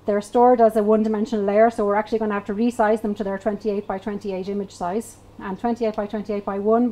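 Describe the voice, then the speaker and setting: Mellow-voiced woman explaining neural nets. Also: mid-range voice, poor audio. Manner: explanatory, steady, with frequent fillers. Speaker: meetup speaker. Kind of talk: technical talk. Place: small event space with wooden walls.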